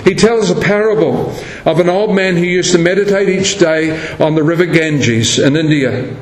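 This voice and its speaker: A man's voice: fairly high pitch, normal speed. A man preaching a sermon, telling stories and acting out the voices of the people in them. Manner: storytelling, acts out quoted voices. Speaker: pastor. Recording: echoey room with faint background noise.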